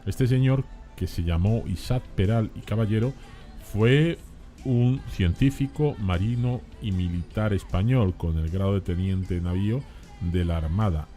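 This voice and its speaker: A man hosting a Spanish-language radio show, talking in a relaxed, conversational way with frequent restarts. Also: lowish voice, unhurried, soft background music. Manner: conversational, hesitant with many restarts. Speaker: radio host. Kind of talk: casual radio talk.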